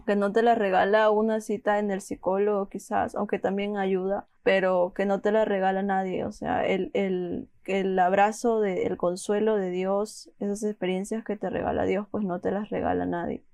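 Flat-toned woman host, dry sound. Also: medium pitch, normal speed, creaky, few pauses, no room sound. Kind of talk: reflective interview reply.

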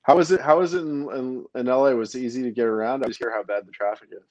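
A man's voice: mid-range voice, steady tone, very fast, a little mellow. A man from Brooklyn hosting a podcast in casual chat, rambling with plenty of fillers and restarts. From Brooklyn, New York. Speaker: podcast host. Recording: dull lo-fi dry sound.

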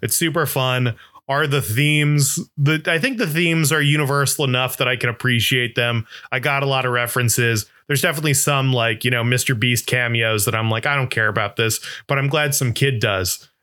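A man with a bright, forward tone talks casually as a podcast co-host. He is enthusiastic and rambles a little, restarting his thoughts as he goes. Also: medium pitch, normal speed. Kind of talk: casual chat.

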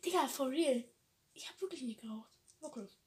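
A woman's voice: high voice, animated, normal speed, a little mellow. A teenage girl chatting casually into a phone on a tripod, using crude teasing slang, giggling and sometimes dropping into whispers. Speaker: vlogger. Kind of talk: casual chat.

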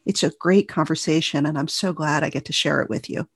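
A woman's voice: low-pitched, brisk, gravelly, slightly rough. A woman hosting a podcast, reading a scripted introduction and asking friendly interview questions. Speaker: podcast host.

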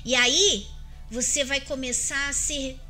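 Earnest Brazilian woman, high bright voice. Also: steady tone, takes it slowly, faint music behind. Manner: earnest, emphatic, addresses listeners directly. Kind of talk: faith-based advice chat.

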